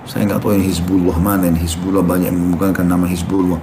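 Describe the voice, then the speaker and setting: A male Islamic preacher giving a question-and-answer sermon, telling stories and acting out quotes in an animated way. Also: sits low, fast. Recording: roomy with faint noise.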